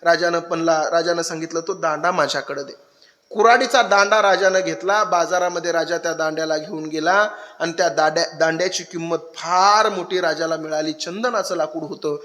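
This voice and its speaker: A man preaching a devotional kirtan sermon, swinging from loud cries to hushed speech. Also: on the high side, fairly even intonation, a little fast. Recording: echoey hall with loud crowd noise.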